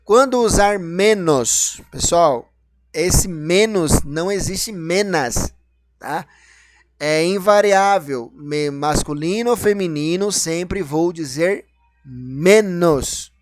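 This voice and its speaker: Guy teaching grammar, kinda high voice, asks himself questions then answers, dry close sound. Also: slow pace, no echo. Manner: explanatory, asks and answers his own questions. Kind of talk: grammar lesson.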